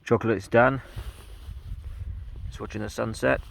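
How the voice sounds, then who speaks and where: A man chatting casually through an outdoor camping vlog, relaxed, with plenty of ums. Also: mid-range voice, moderate pace, vocal fry. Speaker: wild camping vlogger. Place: outdoors on a windy hillside.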